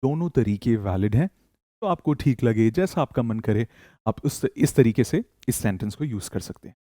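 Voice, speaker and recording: A man teaching spoken English in Hindi, reading model sentences slowly for learners to repeat and praising them often. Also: medium pitch, lively intonation, mellow, no room sound, studio quality.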